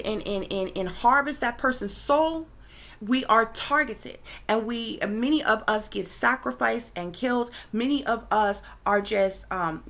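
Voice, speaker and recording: A woman's voice: mid-range voice, a bit bright. A woman hosting a spiritual video, talking loosely with frequent fillers, restarts and a habit of asking "okay?". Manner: repeats "okay?" often, with many fillers and restarts. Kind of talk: casual spoken video lecture.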